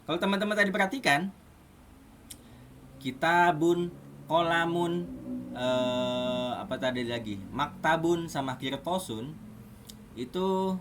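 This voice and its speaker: A man's voice: medium pitch, slight background noise. A man teaching an online Arabic class in a casual, chatty way, often asking his students questions.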